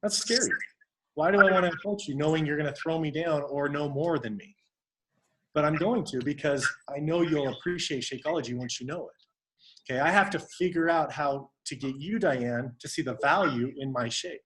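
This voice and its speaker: A man leads a team coaching session over a video call. His voice sits a little high for a man, and he speaks conversationally, acting out example exchanges as he teaches. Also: moderate pace, noisy background. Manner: conversational, acts out sample dialogues. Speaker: network marketing team coach.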